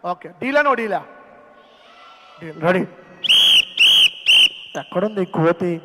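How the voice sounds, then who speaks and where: A man hosting a children's camp skit, calling out questions to the young audience in a playful, animated way. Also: high voice, slow, heavy background noise. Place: large hall at a children's camp. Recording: long hall reverb.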